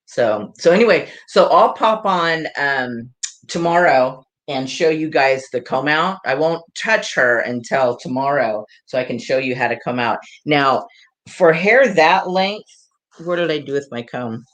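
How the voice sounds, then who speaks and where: A woman's voice: sits low, expressive, unhurried, fairly bright tone. A woman hairdresser giving a live hair tutorial, chatting and laughing with viewers in a rambling way. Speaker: hairdresser and salon owner.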